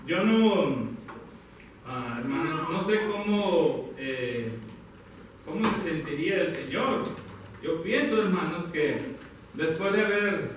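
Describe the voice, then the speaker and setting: A man preaching a sermon, talking warmly to the congregation as brothers and sisters, pausing and correcting himself as he goes. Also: on the high side, lively intonation, noisy background. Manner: addresses listeners as brothers, halting with self-corrections. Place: church hall. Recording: very echoey hall, from far off.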